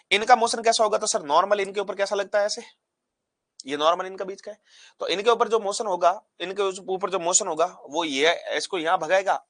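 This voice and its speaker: Bright, lively man teaching physics. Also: fairly high pitch, dry recording. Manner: call-and-response questions, repeats key terms; animated, acts out particles pushing apart. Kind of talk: classroom lesson at a board.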